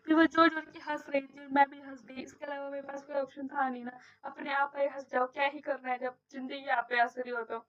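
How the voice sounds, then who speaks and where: High-voiced chatty woman teacher vlogging. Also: brisk, hardly any pauses. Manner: animated, mimics others' voices in anecdotes. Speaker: primary school teacher. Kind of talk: casual storytelling vlog. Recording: slightly dull lo-fi audio.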